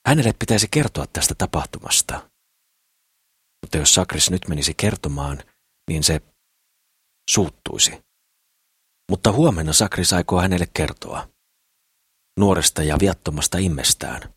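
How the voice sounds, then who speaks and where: A man reading a novel aloud as audiobook narrator, steady and measured. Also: sits low, husky, dry recording, clean studio sound. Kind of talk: scripted narration.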